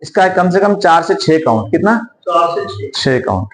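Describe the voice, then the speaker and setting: A man teaching a Quran recitation class, drilling pronunciation, quizzing his students and repeating each word slowly. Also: on the high side, big pitch swings, reverberant, a crowd in the background, poor audio. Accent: Indian Hindustani.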